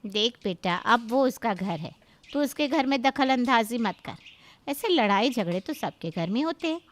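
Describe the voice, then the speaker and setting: A traditional middle-aged mother, voiced by a woman in a cartoon story, with a somewhat raised pitch. She talks with her son in a motherly, homely tone. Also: expressive, normal speed, lightly acted. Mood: dismissive.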